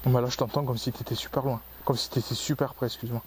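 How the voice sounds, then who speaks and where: Man, ghost-hunt host, mid-pitched, rambling explainer, outdoor forest, faint hiss. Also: fairly even intonation, quick pace. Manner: rambling, explains his gear at length. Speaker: paranormal investigator, channel host. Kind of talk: casual on-location commentary.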